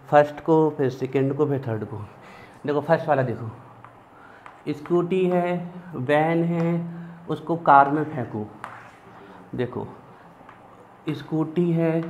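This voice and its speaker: A man's voice: on the high side, a little mellow. A male chemistry teacher, teaching periodic table mnemonics and chanting element names in rhythmic lists. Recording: dull lo-fi sound with faint background noise.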